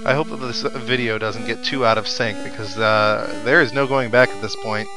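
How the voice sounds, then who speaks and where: With a lowish voice and fairly even intonation, a man comments on a video game at normal speed. It's relaxed, chatty let's-play talk with wry asides, set against the game's music.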